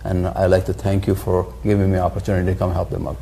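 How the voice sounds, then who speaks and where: Man, cricket coach, brief appreciative remarks, very low pitch, gravelly fry. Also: level tone, fast talker, dark tone, slight background noise. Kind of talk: press conference remarks. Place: press conference room.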